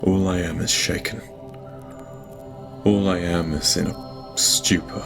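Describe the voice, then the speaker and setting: Over background music, a man heavily acts a shaken, guilt-ridden lord dictating a private log in an audio drama monologue. His low, gravelly voice is flat, distressed and remorseful, halting and stammering, and broken off with sighs.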